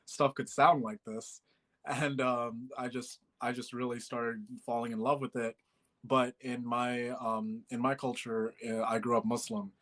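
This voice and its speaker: A man in his twenties from Bangladesh, a musician guest chatting casually in an interview, with many fillers and easy laughs. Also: medium pitch. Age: 20s.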